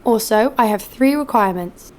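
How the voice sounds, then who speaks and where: In a natural, somewhat high voice at a moderate pace, with a little hiss or hum on the recording, a woman plays a tough, cynical female bounty hunter. Her first-person audio drama narration and lines come out blunt, sardonic and hostile.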